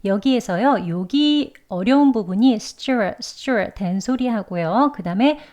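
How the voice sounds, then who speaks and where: A Korean-speaking woman teaching English pronunciation, explaining patiently and slowly repeating sounds to demonstrate them. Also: a little high, animated, a little mellow, highs cut off. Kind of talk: pronunciation lesson.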